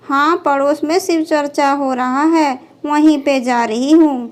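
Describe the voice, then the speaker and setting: Elderly grandmother , a woman doing the voice: slow, soothing, indulgent, high-ish. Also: steady tone. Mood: gentle.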